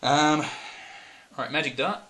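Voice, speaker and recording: A man's voice: a little high, steady tone, slow, pushed and bright. A man playing in a tabletop game, talking hesitantly with many ums and likes. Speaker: player. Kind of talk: casual tabletop game chat.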